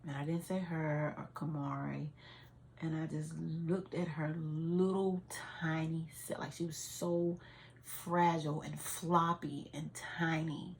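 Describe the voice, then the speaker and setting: A woman's voice: low voice, flat delivery, takes it slowly, creaky, slight background noise. A woman, giving a heartfelt, tearful personal testimony full of fillers. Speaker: vlogger. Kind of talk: emotional personal storytelling.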